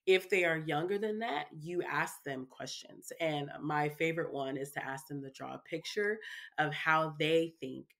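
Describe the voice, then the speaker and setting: A woman's voice: deep voice, moderate pace, a bit bright. A woman talking as a guest in a casual interview, chatty and loose, often tagging her sentences with little asides. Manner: chatty, peppers speech with "you know" and "right". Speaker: guest, parenting speaker.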